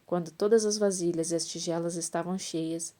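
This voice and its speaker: A woman reads a Bible story aloud in a low, mellow voice. She trips over words now and then and corrects herself, keeping a steady, unpolished read-aloud delivery. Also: moderate pace. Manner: reads with restarts and self-corrections. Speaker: Bible reader.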